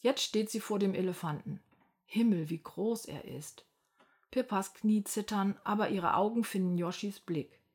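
A woman reads a children's storybook aloud at a middling pitch, lively and expressive. Her voice is soft and slightly husky, with a breathy edge. She moves easily between narration and the characters' lines. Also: a little slow.

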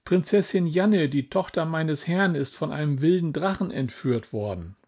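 A man voicing an excited young male squire bringing urgent news in a storybook, with a husky voice and a raised tone. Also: on the high side, normal speed. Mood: alarmed.

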